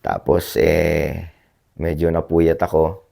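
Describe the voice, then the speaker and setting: A man vlogging in a casual, rambling chat to his viewers, hoarse from a cough, politely tagging his sentences with little questions. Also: extremely low pitch, steady tone, slow pace, warm tone. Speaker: blogger reading viewer comments. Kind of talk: casual livestream-style chat.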